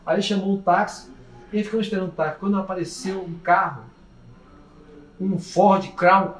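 A man tells a story in a chatty, rambling way, with restarts. His voice sits high for a man. It sounds like a voice message recorded far from the mic in a roomy, echoing space. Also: steady tone, quick pace. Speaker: listener sending a voice message. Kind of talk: casual storytelling. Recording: echoey, distant voice message.

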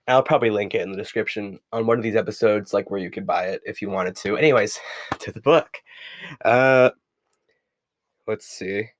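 A man's voice: lowish voice, no room sound. A young man hosting a casual solo podcast, rambling with many fillers and reading passages aloud from a book. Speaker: podcast host.

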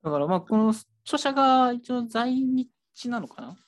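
A bookshop staffer chats casually about the shelves, rambling and full of fillers. The pitch swings widely and lively as the talk runs on. The voice sits at a middle height. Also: normal speed. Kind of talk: casual chat.

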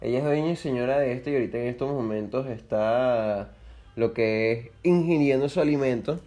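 A man's voice: medium pitch, a little fast, dark tone. A young man hosting a casual solo podcast, rambling and joking crudely, often breaking off to correct himself. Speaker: podcast host.

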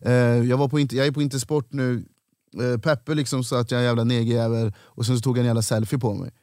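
A man's voice: mid-range voice, dry recording. Swedish guy comedian rambling through a story, does all the voices, dry mic. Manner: animated storyteller, acts out quoted voices. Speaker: stand-up comedian, podcast guest. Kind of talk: casual storytelling chat.

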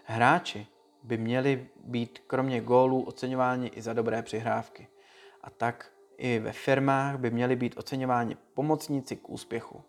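Male speaker, measured motivational reading, soft music bed. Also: mid-range voice. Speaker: speaker giving a motivational talk. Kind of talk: read-aloud motivational talk.

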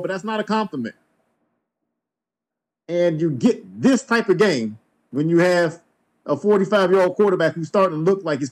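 A man hosting a sports podcast, giving blunt, emphatic opinions. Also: sits high. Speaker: podcast host.

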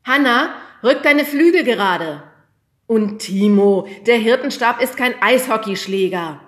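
A woman's voice: a little high, very animated, normal speed, roomy sound, voice pushed up. A woman voicing a harried male schoolteacher who scolds the children during a nativity rehearsal, in a storybook reading. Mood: scolding. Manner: loud, scolding calls.

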